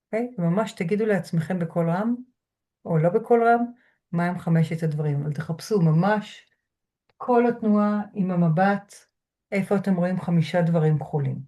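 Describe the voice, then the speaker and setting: A woman lecturer speaking from home through a computer mic, guiding listeners through a grounding exercise in a slow, measured way with soft pauses. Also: fairly low pitch. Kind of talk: calm guided lecture. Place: home room.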